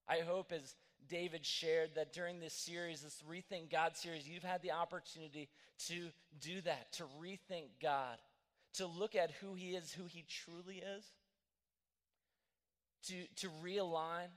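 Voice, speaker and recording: A man's voice: a little high, a bit bright, in a large hall. A man preaching a sermon, telling a story earnestly and often restarting his phrases. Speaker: pastor.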